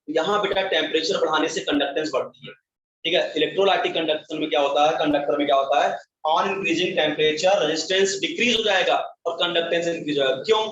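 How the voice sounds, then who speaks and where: A high-voiced man teaching a chemistry class, who keeps asking his students questions and answering them himself. He is heard from a distance in an echoey classroom, and the recording sounds dull and muffled. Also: fairly bright tone. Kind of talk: classroom lecture.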